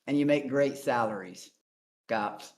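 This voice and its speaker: A man's voice: mid-range voice, unhurried. A man guest on a call-in interview, telling his story in a blunt, profane, rambling way. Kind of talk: casual storytelling.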